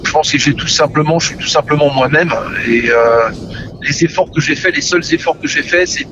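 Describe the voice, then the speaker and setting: Speaking a little fast in a higher-leaning voice, a middle-aged musician guest talks through his career and family, often tripping over and repeating words. The easygoing interview sounds muffled, with a noisy background and music playing.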